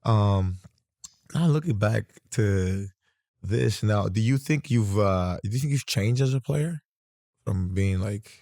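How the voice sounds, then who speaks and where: Low-voiced man hosting a casual chat. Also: animated, slow, dark tone. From Greece. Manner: rambling, with frequent restarts. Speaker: podcast host.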